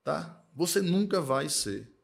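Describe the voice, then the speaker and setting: A man from Northeast Brazil who runs an accounting firm, talking in a casual podcast conversation, emphatic and repetitive, tagging his points with quick checks for agreement. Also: fairly high pitch, big pitch swings, creaky, husky. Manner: emphatic, repeats himself, tag questions "tá?" and "né?".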